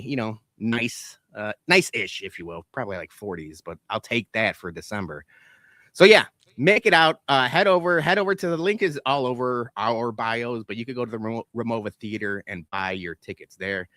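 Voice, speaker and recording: A man's voice: medium pitch, bright, forceful tone, dry recording. A man hosting a podcast, chatting loosely and swearing, with many restarts. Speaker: podcast host. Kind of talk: casual podcast chat.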